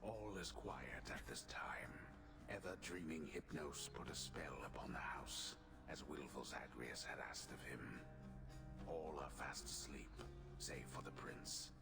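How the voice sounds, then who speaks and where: A man voicing a solemn epic storyteller, narrating in a hushed, gravelly tone. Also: very deep voice, a little slow, loud music behind the voice. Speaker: game narrator. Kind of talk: scripted narration.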